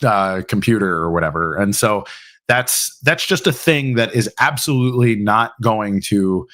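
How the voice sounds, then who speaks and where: A man's voice: lowish voice, animated, unhurried, fairly bright tone. A man hosting a live question-and-answer stream, talking casually with lots of fillers and restarts. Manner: casual, filler-heavy, mock-quotes opponents. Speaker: host. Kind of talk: livestreamed Q&A.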